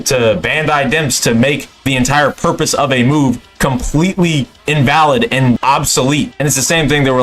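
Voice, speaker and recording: A man's voice: mid-range voice, fairly bright tone. A young man in an unscripted, exasperated, profanity-laced rant about a video game, speaking as a gaming commentator. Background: music.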